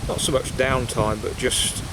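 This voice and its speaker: Outdoor wind noise and rustling leaves fill this basic recording of a pipe-smoking vlogger in woodland. He has a medium-pitched voice with a level tone and talks a little slowly. His chat is casual and reflective, hesitant and drifting.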